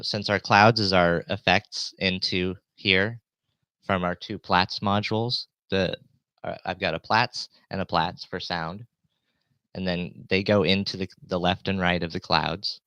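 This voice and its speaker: A man with a deep yet bright voice explains things live in a rambling way. He hesitates, trails off and restarts his thoughts. The sound is dry, with a light low-pass filter on the voice. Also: smooth, no room sound. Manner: hesitant, trailing off, self-interrupting. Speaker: live streamer and synth tutor.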